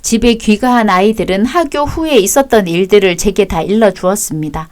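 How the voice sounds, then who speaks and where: A woman narrating a dramatized personal story in a calm, formal, scripted way. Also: medium pitch, fairly quick.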